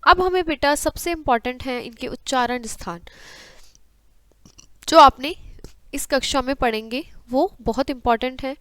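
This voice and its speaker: A young woman teaches a school grammar class, sounding out the letters one by one in steady drills. Her voice sits a little high. The sound is dry and close, with no room echo. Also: normal speed, pauses often, smooth. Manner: addresses students as beta, recites letters in drills. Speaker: Hindi teacher.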